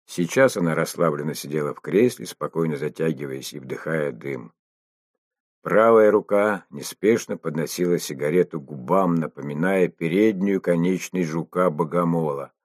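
A man narrating an audiobook in a steady, measured reading style. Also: a bass voice, no echo, studio quality. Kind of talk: scripted narration.

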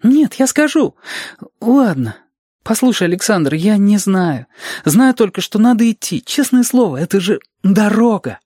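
A reader voicing Reshka, an eager, anxious boy guide, in a high, pleading, restless voice in an audiobook. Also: very animated, unhurried, a little mellow, no echo, studio quality. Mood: earnest. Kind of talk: audiobook reading.

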